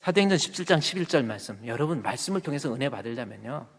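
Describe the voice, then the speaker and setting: A man preaching a Sunday sermon as pastor, talking colloquially with loud, emphatic bursts. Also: medium pitch, animated, racing, slightly rough. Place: church sanctuary. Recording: long church reverb. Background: long hall reverb.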